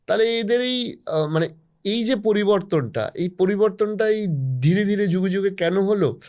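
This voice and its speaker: A male podcast host with a notably high voice asks curious questions. He stacks up example after example as he talks. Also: darkish tone. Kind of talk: conversational interview.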